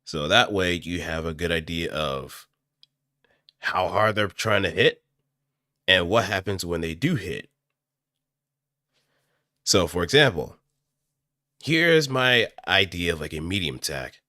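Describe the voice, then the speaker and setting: Taking it slowly with long pauses, an animated, deep-voiced amateur voice actor talks casually through an improvised voice acting tutorial. A close studio mic and audio interface give a crisp, dry sound with no room sound.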